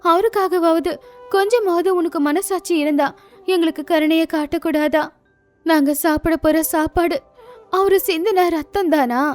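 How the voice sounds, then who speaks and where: A woman voicing a devoted young wife in an animated story, crying out in anguish. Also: extremely high pitch, moderate pace, soft background music.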